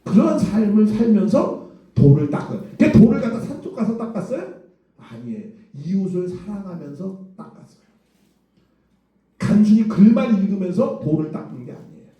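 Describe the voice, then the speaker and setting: A man, a pastor, preaching a sermon in a lively storytelling way, asking rhetorical questions and chuckling. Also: high voice, muffled recording. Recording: echoey room from far off.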